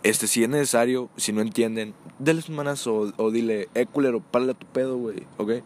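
A man's voice: medium pitch, brisk, slight background noise. A young man with a Mexican accent telling crude, slangy stories in casual chat, acting out the voices of people in them. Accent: Mexican Spanish.

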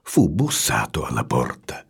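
A man with a raspy, gravelly voice reading a storybook aloud in an expressive, animated way. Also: very deep voice, a little slow. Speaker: narrator.

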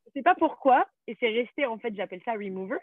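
A woman's voice: a little high, expressive, fast, no room sound. French-speaking woman chatting over a tinny line. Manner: chatty, storytelling, many fillers. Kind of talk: casual chat.

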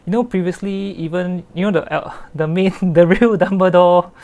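Singaporean accent, jokey group-chat host, casual film discussion, medium pitch, laughs often. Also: steady tone, normal speed, a little mellow. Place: remote voice chat.

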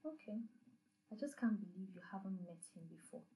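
A woman's voice: mid-range voice, lively intonation, normal speed, mellow, lightly acted, poor audio. A woman voicing a teasing mother. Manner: mischievous, prying questions. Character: teasing Nigerian mother, playful and nosy.

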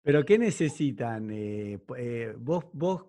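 Gravelly Argentine man telling anecdotes. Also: medium pitch, slow, no room sound. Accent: Argentine Spanish. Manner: animated anecdote-telling with frequent tag questions. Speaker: interviewer. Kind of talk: casual conversation.

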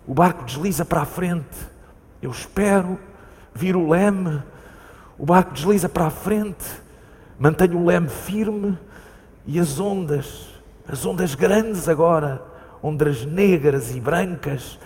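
A man's voice: on the high side, slow, darkish tone. An actor with a European Portuguese accent plays a frightened man at sea, searching for his lost companion in an urgent, repetitive, pleading voice. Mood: haunted recounting. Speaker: actor in a staged reading. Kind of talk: staged theatre reading. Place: theatre hall. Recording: live stage reading in a reverberant hall.

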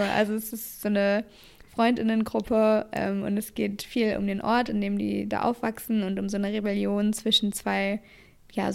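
A woman's voice: medium pitch, vocal fry, darkish tone. A young woman co-hosting a podcast in casual chat, talking eagerly and gushingly, dropping in casual English words. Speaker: podcast co-host.

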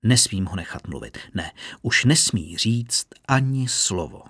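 A man's voice: lowish voice, very animated, fairly bright tone, breathy edge, no echo, clean studio sound, exaggerated voice. A man doing a shaken veteran guard captain. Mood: uneasy. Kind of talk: audiobook character voice.

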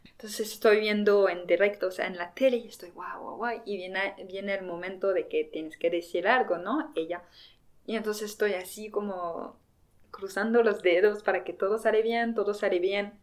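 A young woman from France telling a personal story about competing in a beauty pageant in a casual, lively way. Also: mid-range voice, normal speed. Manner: lively, quotes herself and others in acted voices. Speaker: former pageant contestant.

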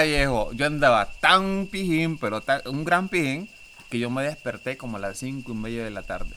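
A man's voice: fairly high pitch, bright, forceful tone, a little hiss or hum. A man animatedly telling a long, slangy story in casual chat, acting out what other people said.

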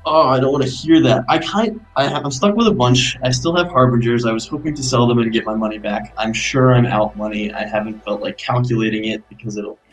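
A man on a casual podcast, reflective and wry in an unhurried way. His voice sits at a middle pitch, with faint music playing under it. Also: poor audio. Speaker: podcast co-host.

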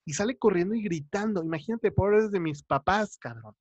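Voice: medium pitch, lively intonation, normal speed, a little mellow, no room sound, dull audio. A speaker with a Mexican Spanish accent, telling crude, slangy anecdotes in a casual chat.

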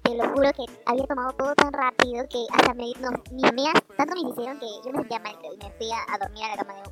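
A woman's voice: fairly high pitch, racing. A young woman telling rambling, self-correcting stories in a casual chat with friends. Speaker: storyteller in a group chat. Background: background music.

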